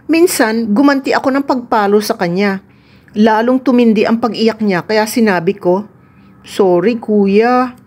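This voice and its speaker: A woman reading a children's picture book aloud in a gentle, expressive storytelling voice. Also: mid-range voice. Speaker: storybook reader.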